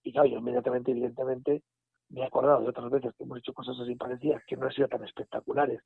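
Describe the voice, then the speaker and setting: A man, telling a story in a casual, animated way and acting out the dialogue. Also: mid-range voice, racing, vocal fry, breathy edge, no room sound. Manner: animated retelling with quoted dialogue and restarts. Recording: phone line audio.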